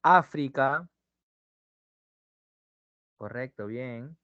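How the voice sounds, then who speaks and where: A man with a medium-pitched, sharp-toned voice teaches an online language class in a Peruvian Spanish accent, stretching out his words and checking in with students using "¿no?" and "ujú". The recording is dry, dull and muffled, from a close mic.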